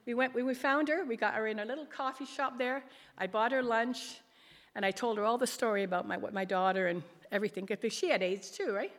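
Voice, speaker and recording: At a church gathering, a middle-aged woman who serves as a lay ministry leader speaks to an audience in a big, reverberant room. Her voice is big and emphatic, a little high and a little fast, as she gives a rambling, earnest personal testimony.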